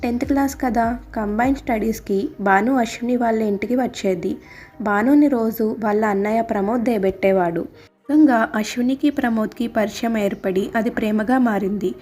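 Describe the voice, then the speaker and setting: Soft-toned woman narrating a story. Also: on the high side, moderate pace. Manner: reads all characters' lines in her own voice. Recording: soft background music.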